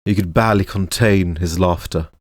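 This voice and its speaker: A man narrating a fantasy story in a measured, even storytelling way. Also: low-pitched, dry recording, studio quality. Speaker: narrator and voice actor.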